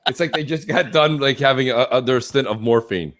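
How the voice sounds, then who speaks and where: A man co-hosting a casual gaming podcast chat, laid-back and quick to agree with his co-host. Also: mid-range voice, a bit bright.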